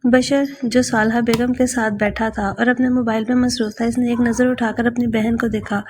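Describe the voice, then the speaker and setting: A woman narrating a romance novel in a steady storytelling voice. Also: on the high side, normal speed, a little hiss or hum. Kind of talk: novel read aloud.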